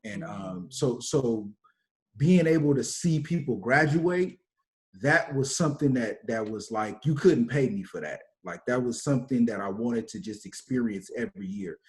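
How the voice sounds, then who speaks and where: A man's voice: mid-range voice, moderate pace. A male teacher on a video call panel, talking casually with lots of "like" and "you know". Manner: relaxed, many fillers like "like" and "you know".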